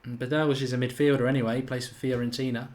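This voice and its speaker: Hosting a live watchalong of a football match, a slightly Irish-accented man reads viewer comments aloud while chatting and musing. He speaks quickly in a mid-range, level, darkish voice.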